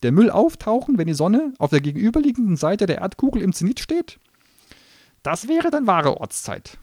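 A man voicing a sarcastic, hot-tempered little male gnome demon who grants wishes, shrill and mocking, in an audiobook reading. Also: sing-song, moderate pace, a little mellow, dry recording, studio quality. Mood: pedantic.

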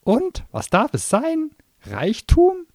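A shrill, mocking little gnome demon shoots up high and swings his pitch wildly as he sneers. His voice sits dry and close, sarcastic and quick to temper. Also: wildly swooping pitch, a little mellow, no room sound, exaggerated voice. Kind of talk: audiobook reading.

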